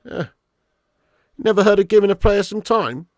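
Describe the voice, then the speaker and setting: A British man does a live football watch-along, commenting and chatting casually with viewers in an animated, blokey, sweary, matey style. His high voice is raspy with a smoker's laugh, at normal speed, in clean studio sound with no echo.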